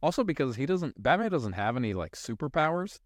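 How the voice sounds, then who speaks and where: A man's voice: medium pitch, very animated, a little fast, no echo, studio quality. A man co-hosting a podcast, joking, swearing freely and pressing his point in casual chat. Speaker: podcast co-host.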